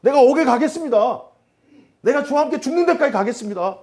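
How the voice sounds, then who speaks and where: A pastor acting out a heated, indignant apostle. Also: male voice, extremely high pitch, expressive, fast talker, a little mellow, pitched above the performer's own voice. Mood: boastful. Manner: heated, protesting. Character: impulsive indignant apostle, adult man.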